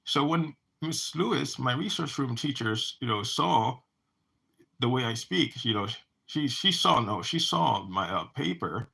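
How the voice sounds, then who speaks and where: Gravelly, husky New man. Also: medium pitch, animated, unhurried, sharp tone. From United States. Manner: rambling, with many restarts and repeated words. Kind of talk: personal monologue.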